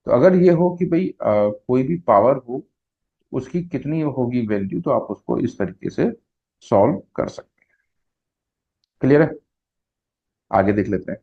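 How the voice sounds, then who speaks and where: A male math teacher explaining slowly, step by step, who asks questions and answers them himself, mixing Hindi with English math terms. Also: mid-range voice, expressive, gravelly, muffled recording. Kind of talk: classroom lecture at a whiteboard.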